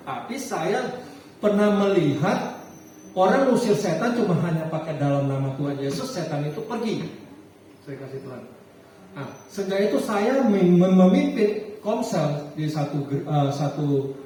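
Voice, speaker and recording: A man preaching a sermon as a pastor, telling a personal story in an animated way with frequent halting restarts. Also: on the high side. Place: church hall. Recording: echoey hall, distant mic, faint noise.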